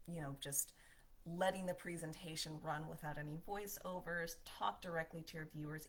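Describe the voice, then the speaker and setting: Casting: woman with a low voice, cheerful instructor talking over slides, friendly and chatty. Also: fairly bright tone. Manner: upbeat, smiling, conversational. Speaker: marketing instructor. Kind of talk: presentation voiceover lesson.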